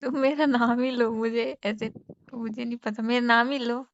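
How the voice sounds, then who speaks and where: Bashful woman on a lo-fi phone line, fairly high voice. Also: fairly even intonation, normal speed, crowd noise. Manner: shy, hesitant, soft-spoken. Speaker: girlfriend on a call. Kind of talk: casual romantic phone chat. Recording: dry, muffled phone call recording.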